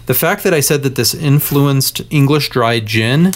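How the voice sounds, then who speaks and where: Male podcast co-host, mid pitch, relaxed explainer, casual chat. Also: measured pace. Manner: explanatory, joking, enthusiastic about drinks.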